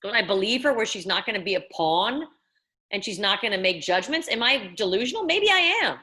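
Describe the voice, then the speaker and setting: Brief: tipsy female host, rambling and slightly slurred, bright and lively, swoops high. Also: fairly quick. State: tipsy from wine. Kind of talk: rambling live stream monologue.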